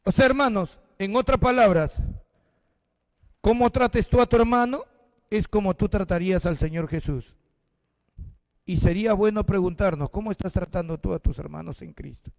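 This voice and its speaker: High-voiced Peruvian pastor preaching in a hall. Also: male voice, moderate pace, gravelly. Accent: Peruvian Spanish. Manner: addresses the congregation directly, reads scripture aloud. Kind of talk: sermon.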